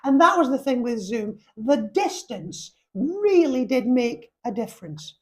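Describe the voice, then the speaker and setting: A man voicing a goofy, chatty sock puppet in a slightly muffled falsetto, rambling through comic chat. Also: sing-song, measured pace, a bit bright, heavily acted. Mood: musing. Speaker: podcast guest, puppet comedy act. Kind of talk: improvised comic chat in character.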